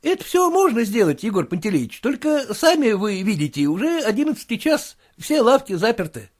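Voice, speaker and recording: A man's voice: high voice, big pitch swings, moderate pace, a little mellow, pitched above the performer's own voice. A man reading aloud, voicing a fawning, deferential male shop clerk in a storybook.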